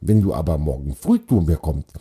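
A cheerful, hardworking beaver, played by a man, talks in an easygoing, kindly way in a children's story. His voice is very dark and mellow, with a husky grain. It sits low but moves lively. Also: fairly quick, heavily acted.

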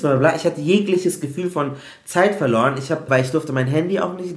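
Brief: male guest, higher-pitched voice, lively storyteller who drops in English words, recorded in an echoey room. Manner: animated, mixes in English words. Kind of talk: casual storytelling in a podcast chat.

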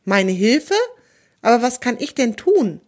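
A woman's voice: a little high, big pitch swings, unhurried, darkish tone. A woman voicing a brave, caring young girl in a children's storybook, earnest in tone. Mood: alarmed. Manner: earnest, concerned.

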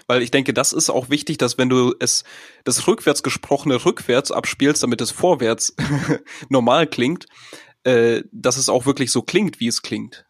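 A man's voice: medium pitch, normal speed, no echo, clean studio sound. A man hosting a podcast, asking questions in a casual, hesitant way with many fillers. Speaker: podcast host.

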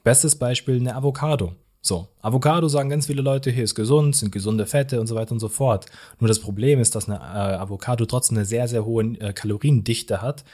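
A man co-hosting a podcast as a weight-loss coach, explaining in an energetic, emphatic way and speaking straight to the listener. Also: mid-range voice, brisk, few pauses.

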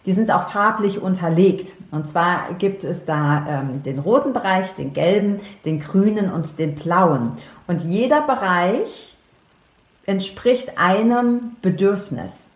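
A woman's voice: lowish voice, lively intonation, slow pace. A woman coach explaining to the listener in an earnest, direct way, repeating her key points. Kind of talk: explanatory monologue to the viewer. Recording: echoey room.

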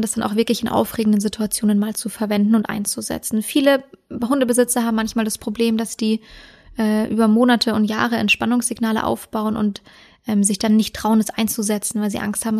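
A woman hosting a dog-training podcast, explaining calmly with many fillers and self-corrections. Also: a little high, fairly quick, vocal fry. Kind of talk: casual instructional podcast talk.

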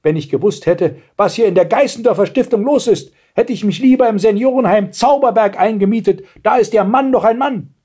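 A man voicing a loud, indignant old grandmother in a storybook reading, scolding everyone. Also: high-pitched, animated, normal speed, few pauses, slightly rough, pitched above the performer's own voice. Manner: scolding, shouting.

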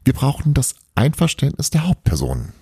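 A man voicing Santa Claus's calm, sensible wife who cautions in a measured way, in a storybook reading. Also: mid-range voice, gravelly, husky, dry recording, clean studio sound, voice pushed up, heavily acted. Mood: cautioning.

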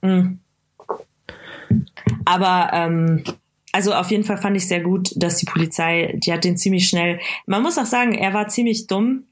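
A woman with a slightly low voice tells a personal story in a relaxed conversational way. She hesitates a lot, filling gaps with small sounds and restarting her sentences as she goes. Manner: halting, many fillers and restarts. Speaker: interview guest.

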